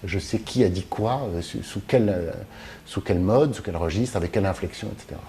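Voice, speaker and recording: His voice rests low and mellow, moving a little quickly. He is a Mediterranean film translator and teacher giving hesitant, thoughtful interview answers packed with fillers and restarts, recorded with faint background noise.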